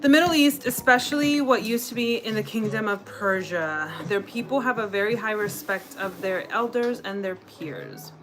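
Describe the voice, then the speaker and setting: An American woman hosts a casual livestream while cooking in her home kitchen, reading viewers' comments aloud and replying to them. Her medium-pitched voice is animated, at normal speed with few pauses, and music plays behind her.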